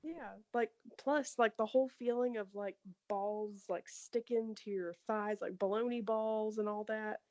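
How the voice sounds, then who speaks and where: A young adult woman co-hosts a podcast, telling crude stories in animated, casual chat peppered with "like" and laughter. Her mid-range voice moves at a measured pace with hardly any pauses, and the sound is lo-fi.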